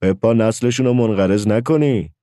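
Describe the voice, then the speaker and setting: A man reading a story aloud and voicing a gruff, impatient village father who gives brusque orders. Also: mid-range voice, expressive, mellow, no room sound, studio quality, voice pushed up, close to an everyday voice. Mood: ordering. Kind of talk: audiobook character voice.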